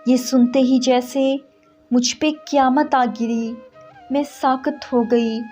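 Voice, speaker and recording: A woman narrating a story in the first person, emotional and measured. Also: high-pitched, fairly even intonation. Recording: slightly dull audio with soft music.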